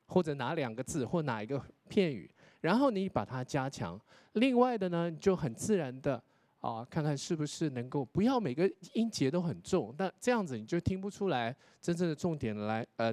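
Animated high-voiced man giving feedback. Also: no room sound. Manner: explanatory, demonstrates English pronunciation, tags sentences with 哈. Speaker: contest judge and English pronunciation lecturer. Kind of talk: spoken critique to contestants.

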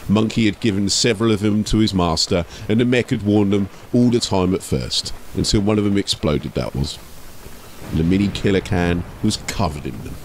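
In the role of an audiobook storyteller, a man with a lowish voice reads scripted narration at normal speed, presenting the tale like a channel host. Slight noise can be heard behind him.

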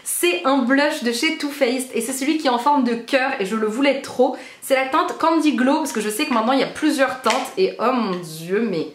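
A young woman from France, a beauty vlogger, gushing excitedly in a casual unboxing vlog, repeating words for emphasis. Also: high voice, fairly quick, hardly any pauses, a little hiss or hum. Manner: bubbly and gushing, repeats trop trop. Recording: echoey room.

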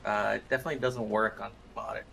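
A man talks casually as he plays a co-op game with a friend. His voice is bright and forceful, with faint ambience behind it. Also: on the low side, little pitch movement, fast talker, creaky, a little hiss or hum. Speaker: co-op gaming partner. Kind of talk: casual gameplay chat.

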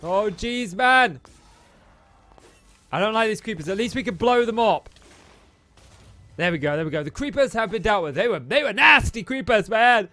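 A man giving chatty, excitable gameplay commentary and taunting the enemies on screen. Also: high voice, moderate pace, long pauses. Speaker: let's play host.

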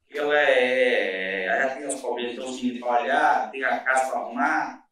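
Recorded at a distance in an echoey room, a Brazilian Portuguese-accented man speaks briskly in a mid-range, slightly bright voice. He's a guest owning a restaurant and bakery, earnestly recounting his story in a casual interview, wandering and restarting a lot.

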